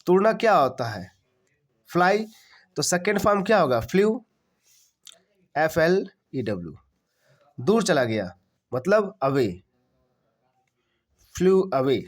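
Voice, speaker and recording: Slow-talking man teaching translation. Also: on the high side, lively intonation. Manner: spells words letter by letter and repeats phrases slowly; asks questions and answers them himself. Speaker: English teacher. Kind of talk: translation lesson.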